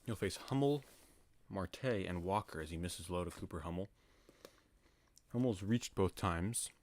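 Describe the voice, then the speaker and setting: A man giving casual solo play-by-play of a baseball game from home, with relaxed, chatty asides between the calls. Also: low-pitched, measured pace. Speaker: play-by-play announcer.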